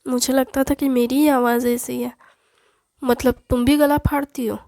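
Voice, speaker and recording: A woman's voice: sits high, little pitch movement, normal speed, dark tone, no room sound, studio quality. A woman voicing a young new bride who asks polite, curious questions.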